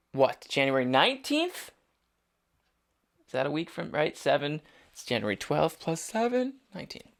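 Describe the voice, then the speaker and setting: A man's voice: medium pitch, creaky, fairly bright tone. A young man hosting his own podcast, talking casually and rambling, with frequent restarts and joking asides. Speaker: podcast host. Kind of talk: casual solo podcast monologue.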